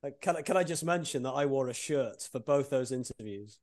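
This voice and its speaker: A man's voice: mid-range voice, expressive, fairly quick, darkish tone. A man co-hosting a podcast from home on a video call, chatting casually with dry, joking interjections. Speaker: podcast co-host. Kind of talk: casual chat.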